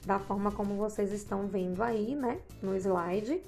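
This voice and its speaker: A woman's voice: medium pitch, moderate pace, creaky, a little mellow, faint music behind. A woman teacher explaining grammar rules from slides, often checking in with tag questions. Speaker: Portuguese teacher. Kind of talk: slide-based grammar lesson.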